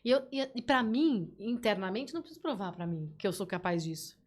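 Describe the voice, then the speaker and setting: A woman, a guest telling stories in a playful, animated way. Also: medium pitch, a little fast. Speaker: podcast guest. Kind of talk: casual interview chat.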